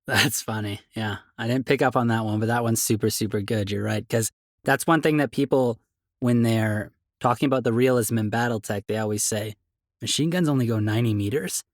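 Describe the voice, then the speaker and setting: A man's voice: fairly low pitch, steady tone, brisk, dry recording, studio quality. Playful upbeat podcast host man. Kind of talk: casual chat.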